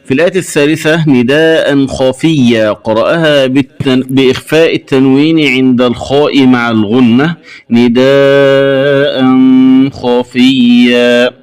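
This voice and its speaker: A man teaching Quran recitation variants, stating each rule briskly and then chanting the word slowly and drawn out. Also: medium pitch, faint music behind. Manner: brisk rule explanations broken by slow, drawn-out chanted words.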